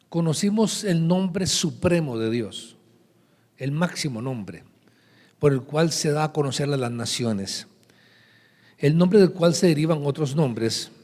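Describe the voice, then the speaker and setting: Pastor preaching in a reverberant church. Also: male voice, on the high side, darkish tone. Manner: teaching, reading scripture aloud to a congregation. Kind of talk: sermon. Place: large church hall. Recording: live church recording with long reverb.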